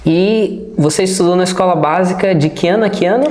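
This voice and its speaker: A man's voice: high-pitched, a little fast, darkish tone. A man hosting an interview, asking questions in a friendly, formal way. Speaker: interviewer, host. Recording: roomy echo.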